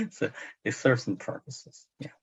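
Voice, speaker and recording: Speaking slowly in a mid-range voice with a breathy edge, a Chinese man in his sixties acts as a translator in a book club discussion. He has a Chinese accent, hesitates with many fillers and restarts, and the audio is muffled and lo-fi.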